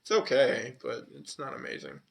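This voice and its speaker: This man co-hosts a podcast, talking at a normal speed in a gravelly mid-range voice whose pitch swings dramatically. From California with a hint of the Southwest, he rambles casually, cursing and using lots of fillers.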